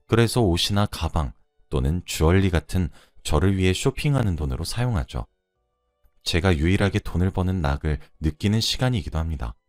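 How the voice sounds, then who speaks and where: A man reading a first-person story aloud in a conversational, lively way. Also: sits low, dry recording, studio quality.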